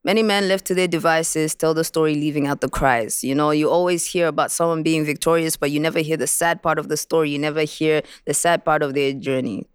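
A woman recording artist from Botswana, telling in an interview, in a reflective and animated way, how she wrote a song. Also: low-pitched, brisk, hardly any pauses, smooth, dry recording, studio quality. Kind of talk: interview about making a song.

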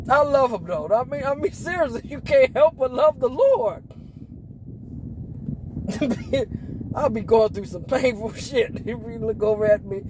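A man in his forties preaches in a casual, slangy way. His voice is unusually high and swings widely in pitch, and he laughs often and sometimes shouts for emphasis. Traffic noise comes through clearly behind him. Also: lively intonation, takes it slowly, pauses often. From Las Vegas, Nevada, US. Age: 40s. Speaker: preacher and podcast host.

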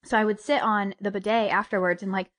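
A woman's voice: mid-range voice, fast talker, dry recording. A young woman co-hosting a chat podcast, telling exasperated stories about her toddlers. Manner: animated, exasperated storytelling. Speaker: podcast co-host. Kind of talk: casual chat.

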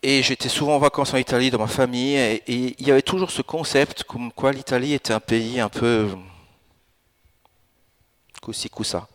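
A man in his fifties delivers a church sermon from the pulpit. His voice sits at a middle pitch, and his delivery is animated, rising into emphatic, urgent bursts as he presses his points. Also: normal speed. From France and Italy. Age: 50s. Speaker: pastor. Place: church in Alsace.

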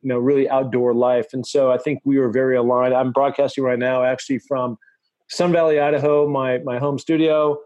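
A man's voice: mid-range voice, flat delivery, fairly quick, a little mellow, no room sound, muffled recording. A middle-aged man hosting his podcast from a home studio, upbeat and enthusiastic, often restarting his sentences. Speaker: podcast host. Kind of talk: casual podcast talk.

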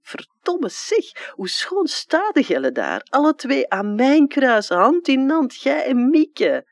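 A performer reading a dead orphaned man who speaks in a Flemish accent, childlike and wistful, with a jumping pitch. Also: huge pitch swings, takes it slowly, dry recording, full character voice. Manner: childlike, jumping pitch, plain dialect talk. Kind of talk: dramatic literary reading.

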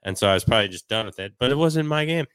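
A young man on a podcast telling a story in a relaxed, casual way, often laughing. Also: mid-range voice, racing, smooth, dry recording. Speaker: podcast co-host. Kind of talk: casual chat.

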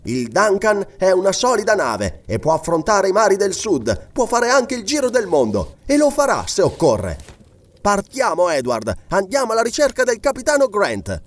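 Storybook noblewoman, young, resolute and kind, voiced high by a male reader. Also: wildly swooping pitch, normal speed, exaggerated voice. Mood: earnest. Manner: raised pitch, earnest pleading. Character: young noble wife, firm and generous.

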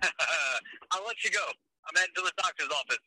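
A man's voice: on the high side, normal speed, pushed and bright, no room sound, rough recording. A man calling in on a speakerphone, giving short, offhand replies in a brief casual chat. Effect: heard over a speakerphone. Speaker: podcast caller.

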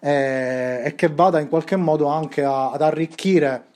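A man hosting a casual podcast, talking with a rough voice and rambling through many fillers and restarts. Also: a little high, fairly even intonation, unhurried, a little mellow. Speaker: podcast host.

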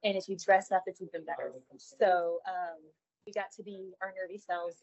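A woman's voice: lowish voice, level tone, normal speed, darkish tone, no echo. A woman co-hosting a podcast, chatting in an upbeat, nerdy way. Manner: chatty and upbeat, calls herself a nerd. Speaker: podcast co-host. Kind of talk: casual chat. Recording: dull lo-fi sound.

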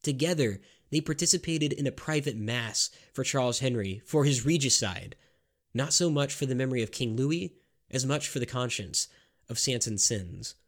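A man narrating a scripted history story in a measured, grave storytelling manner. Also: medium pitch, expressive.

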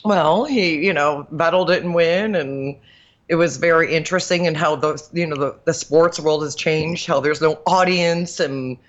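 A woman's voice: low-pitched, a little slow, highs cut off. A woman co-hosting a radio show and a mother, chatting in a rambling way with frequent fillers. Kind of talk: casual radio banter.

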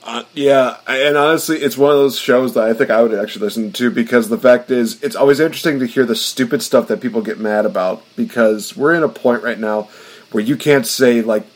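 A man's voice: medium pitch, fairly quick. A man hosting a casual podcast, rambling through his points with lots of fillers. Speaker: podcast host.

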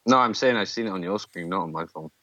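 A man's voice: low voice, expressive, fast talker, a bit bright, dry recording. A man in casual banter on a voice call, joking and swearing. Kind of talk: casual gaming chat.

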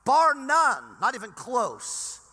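Bright-voiced male preacher in a reverberant hall. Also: very high voice, slow, breathy edge. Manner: animated preaching, swinging between loud emphasis and near-whispers. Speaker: pastor. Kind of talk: sermon.

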